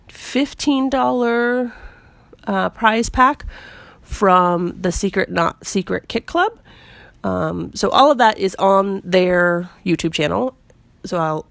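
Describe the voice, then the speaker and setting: A woman narrating a craft video while fighting a cold, her voice squeaky and a bit gravelly. She talks in a rambling, self-deprecating way, full of little fillers, in a dry, close recording. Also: dry recording. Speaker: scrapbooking vlogger. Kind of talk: casual voice-over narration.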